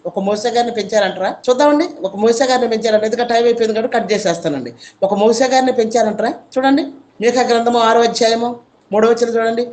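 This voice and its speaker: A woman's voice: a little high, quick pace, a little mellow. A woman preaching a sermon, asking emphatic rhetorical questions and repeating her points.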